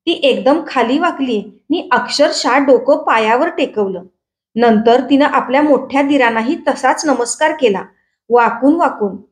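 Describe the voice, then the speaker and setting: High-voiced woman reading a story. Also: measured pace. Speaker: story reader. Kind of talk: storybook narration.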